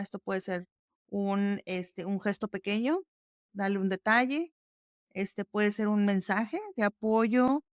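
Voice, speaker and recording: A woman's voice: medium pitch, clear, resonant tone, dry recording, clean studio sound. A woman hosting a podcast, explaining exercises step by step in a casual, conversational way. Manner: explains step by step, conversational, warm fillers like "ujú". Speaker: podcast host.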